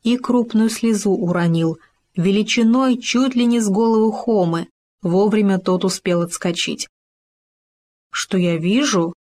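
A woman's voice: medium pitch, normal speed, warm tone. Woman reading a storybook aloud. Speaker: narrator.

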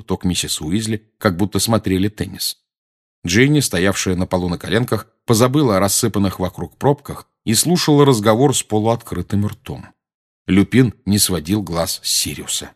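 A man reads an audiobook aloud as a narrator in a measured, expressive way. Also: on the low side. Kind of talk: scripted narration.

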